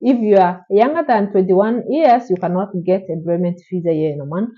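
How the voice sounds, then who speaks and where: Talking a little fast in a medium-pitched voice, a female vlogger in Oman answers questions from her viewers. Her casual advice comes across as encouraging, repetitive and direct, and the sound is slightly muffled.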